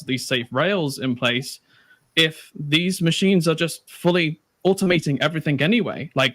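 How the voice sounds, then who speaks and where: Bright-voiced male moderator, dry sound. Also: fairly high pitch, no echo. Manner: conversational, uses fillers, quick asides. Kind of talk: panel moderation.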